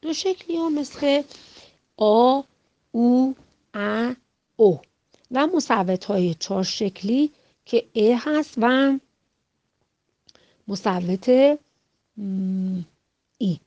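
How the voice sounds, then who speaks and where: A woman in an instructional lecture, addressing fellow teachers in a measured, deliberate way. She sounds out single letters and sample words one by one, with pauses between them. The recording is dry and close, with no room echo. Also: a little high, animated, dark tone, dull audio. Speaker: teacher trainer.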